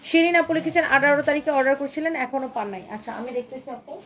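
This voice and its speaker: A woman's voice: high-pitched, rapid-fire, fairly bright tone, a little hiss or hum. A woman with a Bangladeshi Bengali accent selling clothes on a live stream, repeating herself in a coaxing way and dropping in English phrases. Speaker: online clothing seller. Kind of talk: live-stream sales pitch. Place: clothing shop.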